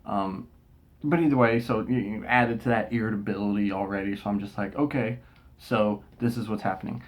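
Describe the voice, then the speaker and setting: A man's voice: lowish voice, brisk. Exasperated man telling a story. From Texas. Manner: animated, exasperated retelling with frequent restarts. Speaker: vlogger. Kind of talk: casual storytelling rant.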